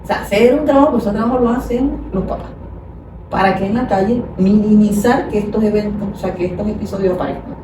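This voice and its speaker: A woman's voice: medium pitch, quick pace. A woman, a psychologist, patiently explaining child behavior in conversation and acting out parents' scolding. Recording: echoey room, far from mic, noisy.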